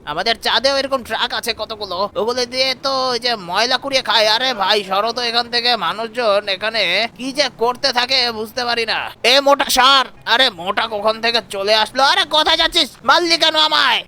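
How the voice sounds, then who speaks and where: A man playing a boastful alien in a comic gameplay dub, excitable and bossy, yelling orders at his mount. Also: very high-pitched. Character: boastful alien man riding a deer through the city. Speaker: gaming video creator. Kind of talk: comic gameplay role-play narration.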